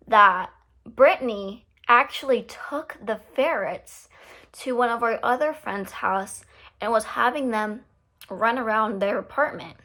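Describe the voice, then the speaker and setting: A young adult woman telling a story in a casual vlog, animated and swearing freely as she acts out what people said. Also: on the high side. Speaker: vlogger.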